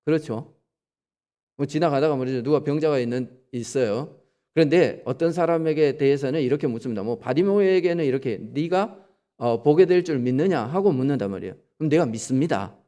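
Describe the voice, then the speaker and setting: A man's voice: fairly high pitch, animated, brisk, mellow, long reverb tail. A male pastor giving a sermon in a church, talking conversationally, asking the congregation questions and acting out quoted lines. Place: church sanctuary.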